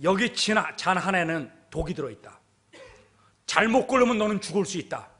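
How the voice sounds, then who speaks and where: A man's voice: high-pitched, animated, moderate pace, a bit bright. A man playing a tempting devil. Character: a tempting devil offering poisoned cups.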